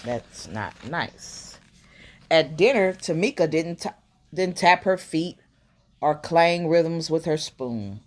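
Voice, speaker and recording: A deep-voiced woman reads a children's picture book aloud at a slow pace, like a bedtime storyteller. She gives the story expressive life and drops in hushed, murmured asides.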